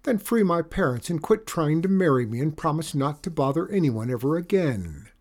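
A man reading a storybook aloud, voicing a bossy, quick-witted young princess with a brisk, commanding manner. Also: on the high side, very animated, a little mellow, voice pushed up.

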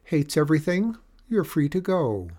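A man reading a storybook aloud, voicing a bossy, quick-witted young princess with a brisk, commanding manner. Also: fairly high pitch, big pitch swings, mellow, voice pushed up.

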